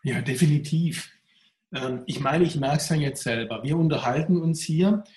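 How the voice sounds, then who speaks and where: A man's voice: a little high, moderate pace, a little mellow. A man, a coach and workshop speaker, answering interview questions reflectively, his voice pressed and tense. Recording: roomy echo.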